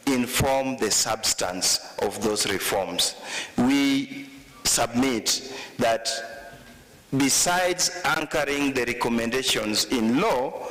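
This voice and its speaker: Formal guy making legal submissions, measured, roomy echoey hall. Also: mid-range voice, fairly bright tone. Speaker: legal representative for applicants. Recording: echoey hall with long reverb.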